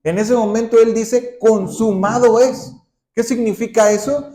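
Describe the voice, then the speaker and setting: A man pastor preaching a sermon, often asking the congregation questions and ending points with a quick "¿sí?". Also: very high-pitched, flat delivery, mellow. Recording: roomy echoing hall.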